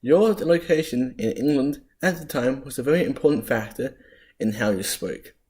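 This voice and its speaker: A man narrates a scripted history lesson, spelling out sounds deliberately and stumbling now and then. His voice is mid-range and a little mellow.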